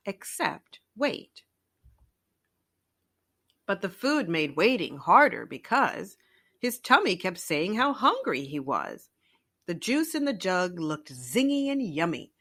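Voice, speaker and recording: A woman storyteller reads a children's picture book aloud, narrating expressively in a voice on the low side.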